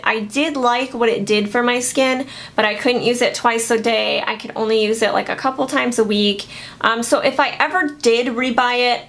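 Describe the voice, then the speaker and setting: Woman beauty vlogger, slightly higher voice, casual and chatty, hesitant with lots of fillers. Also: fairly bright tone. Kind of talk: casual product review.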